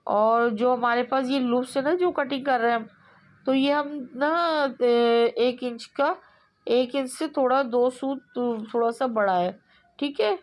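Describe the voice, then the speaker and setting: A woman explaining kurti neck stitching step by step in a relaxed, repetitive way, pausing often with fillers. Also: high-pitched. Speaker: sewing instructor. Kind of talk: step-by-step tailoring tutorial.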